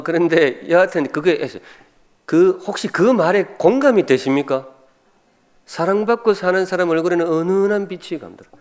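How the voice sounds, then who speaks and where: A Gyeongsang-accented pastor in his fifties delivers a sermon to his congregation. He talks like a friendly storyteller, cracking jokes and putting questions to the people in front of him. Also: a little high. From Gyeongsan, South Korea. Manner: humorous, asks the congregation questions.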